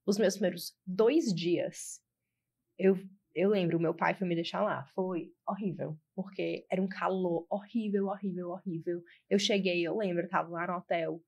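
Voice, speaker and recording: A woman in her twenties from northeastern Brazil, a guest on an interview podcast, telling stories in a lively way and repeating words for emphasis. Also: on the low side, normal speed, creaky, slightly rough. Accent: Ceará Brazilian Portuguese. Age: 20s.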